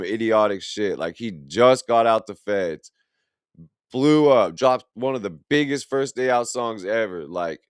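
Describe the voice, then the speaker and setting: A young reaction streamer from Illinois speaks in a fairly low pitch, recorded with studio quality and no room sound. His commentary on a video is blunt, profane, rambling and casual.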